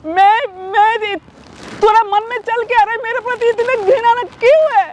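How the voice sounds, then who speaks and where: A woman's voice: extremely high pitch, fairly even intonation, moderate pace, darkish tone, slight background noise. A middle-aged woman playing a stepmother who pleads with her grown son in a tearful, begging voice, outdoors on a street. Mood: pleading.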